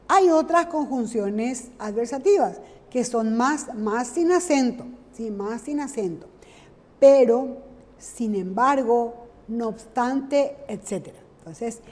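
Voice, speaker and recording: This is a woman teacher, explaining grammar in an unhurried, careful way. Her voice sits high and sounds mellow. A long reverb trails after her words. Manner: slow, deliberate, checks in with "¿sí?". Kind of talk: grammar lesson.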